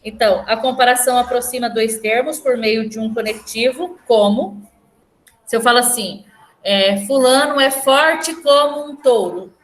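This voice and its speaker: Speaking at a moderate pace in a fairly high voice, a female teacher with a Brazilian Portuguese accent patiently walks through a lesson. She checks frequently that her class keeps up.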